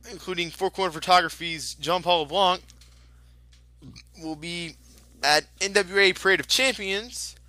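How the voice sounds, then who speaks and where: A man works as a lucha libre announcer, commentating off the cuff in an excitable manner. His voice is very bright and forceful, pitched high for a man. The sound is dry and close, with little room on it. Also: no echo. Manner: excitable announcer, exclaiming at moves. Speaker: wrestling commentator.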